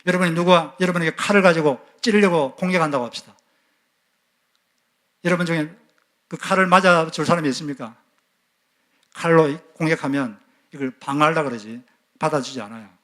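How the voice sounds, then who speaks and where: A man's voice: a little high, a bit bright. A man who is a pastor, preaching a sermon, asking the congregation questions and acting out quoted lines. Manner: asks the congregation questions and acts out quoted scolding.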